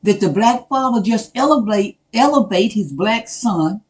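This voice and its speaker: A man's voice: high-pitched, lively intonation, poor audio. Earnest man asking pointed rhetorical questions. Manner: rhetorical questions, repeats phrases for emphasis; earnest, measured, addresses people directly. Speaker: video commentator. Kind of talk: casual spoken commentary.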